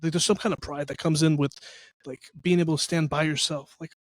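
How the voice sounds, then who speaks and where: Fast-talking New Jersey man. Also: a little high, fairly even intonation, no echo. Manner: earnest, rambling, many fillers. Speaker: podcast host. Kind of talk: casual faith chat.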